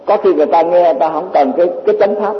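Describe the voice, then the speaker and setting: Male Buddhist teacher, high voice, rambling dharma talk with repeated words, dull lo-fi hall recording. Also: rapid-fire, slight background noise. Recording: echoey hall, dull lo-fi sound.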